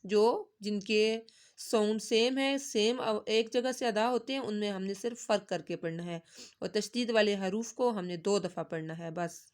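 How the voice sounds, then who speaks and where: A woman teaching beginner tajweed, explaining quickly and then drilling syllables slowly and loudly. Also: mid-range voice. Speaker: Quran recitation teacher.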